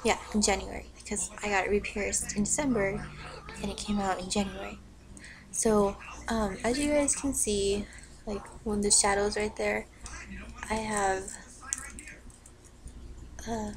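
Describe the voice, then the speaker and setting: Sick with a cold that leaves her voice low and rough, a young teenage vlogger rambles in a hyper, filler-packed webcam rant in her bedroom. The built-in webcam mic captures a noisy recording, and a TV plays in the background.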